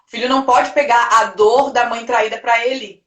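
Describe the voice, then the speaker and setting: A woman family therapist talks through family problems at length. Her voice sits high, and the room around her is roomy and echoey. She slips into little quoted voices of parents and children as she explains. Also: fairly even intonation, normal speed. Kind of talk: casual live-stream talk.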